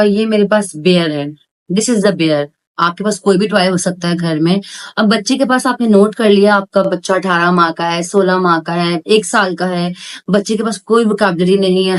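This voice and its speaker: Woman explaining speech therapy tips. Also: medium pitch. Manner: explains step by step in Hindi, mixing in English words; clear, teacherly, repeats key points. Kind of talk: parenting tips explained with toy demonstrations.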